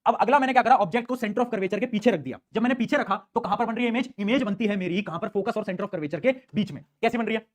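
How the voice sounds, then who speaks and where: Male tutor, high-pitched, rapid and lively lecture delivery. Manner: quick, animated teaching with repeated questions to students. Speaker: teacher. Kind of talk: online class lecture.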